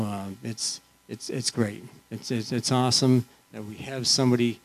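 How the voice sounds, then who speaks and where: A man giving an informal, earnest testimony in church, halting and restarting often as he speaks. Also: medium pitch, darkish tone, poor audio. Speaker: church member sharing.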